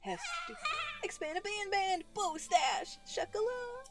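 A woman's voice: very high-pitched, big pitch swings, slow, pitched above the performer's own voice, full character voice. A woman voicing a cheerful male forest creature who chants nonsense syllables in a singsong way, with game music behind.

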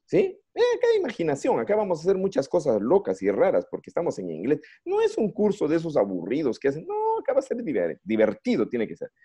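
A man with a Peruvian Spanish accent teaching an online English class to young students. He keeps asking questions, coaxes the kids to join in, and jokes around to keep them engaged. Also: mid-range voice. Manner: lively, coaxing, playful, asks many questions. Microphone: computer mic on a video call. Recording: slightly dull lo-fi call audio.

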